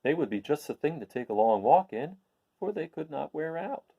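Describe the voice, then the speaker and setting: A man's voice: fairly high pitch, sing-song, normal speed, vocal fry, muffled recording, voice pushed up, exaggerated voice. A man voicing a plucky, curious little farm girl in a storybook, earnest and wondering.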